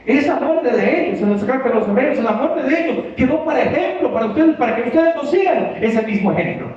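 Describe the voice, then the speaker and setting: Man, pastor, high voice, emphatic sermon with questions to the flock, recorded far off in a dull, boomy church hall. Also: expressive, a little fast, darkish tone. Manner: emphatic, with rhetorical questions to the congregation. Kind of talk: preaching a sermon. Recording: very echoey hall, distant, dull sound with faint noise.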